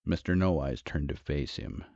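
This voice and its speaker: A man narrating a horror story in a measured, dramatic way. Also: very deep voice, expressive, vocal fry, darkish tone, no room sound. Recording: dull, dry, lo-fi.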